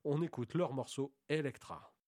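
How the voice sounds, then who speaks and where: A man's voice: medium pitch, moderate pace, dark tone, dry recording, soft background music. A man hosting a scripted concert guide, reading announcements. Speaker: host.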